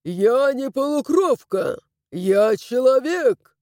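Woman playing a proud huffy ghost duke, raised and emphatic, mellow, dry storybook read. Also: fairly high pitch, expressive, normal speed, dry recording, close to an everyday voice. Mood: indignant. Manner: indignant, loud, emphatic. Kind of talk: audiobook character voicing.

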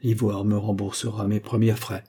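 A man reading an audiobook, voicing a composed, self-assured male explorer who speaks in a measured, formal way. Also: lowish voice, little pitch movement, dark tone, breathy edge. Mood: boastful.

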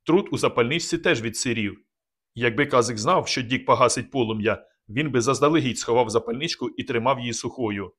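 A man with a medium-pitched voice reads an audiobook, delivering scripted narration in a calm, measured way.

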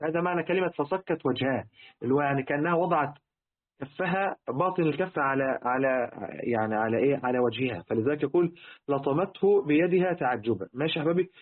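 Egyptian male religious teacher, fairly high voice, rapid delivery, tinny lo-fi phone-like sound. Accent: Egyptian Arabic. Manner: rhetorical questions to listeners, repeats key words. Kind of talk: Quran word-meaning lesson.

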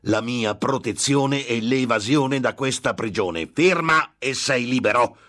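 A man playing a scornful slow-drawling demon. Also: mid-range voice, pitched above the performer's own voice, close to an everyday voice. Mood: urgent. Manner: slow, drawn-out, swelling into furious shouts. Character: scornful male demon tempter, menacing and impatient. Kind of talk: dramatic audiobook reading.

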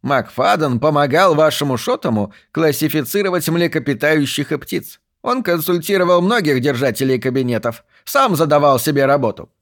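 A man voicing an excitable, talkative old male museum archivist who snorts as he speaks, in a raised voice. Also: fairly high pitch, moderate pace, hardly any pauses, voice pushed up. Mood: eager.

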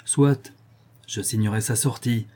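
A man voicing an eager, obsessive hospital doctor who speaks in an excitable, insistent way. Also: fairly low pitch, unhurried, breathy edge.

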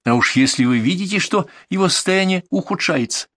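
Guy doing a strict lady doctor, lecturing, a bit higher voice, dry sound. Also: expressive, fairly quick, fairly bright tone, dry recording. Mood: stern. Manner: lecturing, scolding. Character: stern middle-aged woman psychiatric ambulance doctor.

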